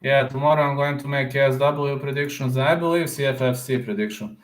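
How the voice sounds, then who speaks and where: A man with a medium-pitched, steady voice talks a little fast on a live stream with roomy echo. As a combat sports YouTuber in casual chat, he rambles, answers viewer comments out loud, repeats words and often signs off a thought with "man."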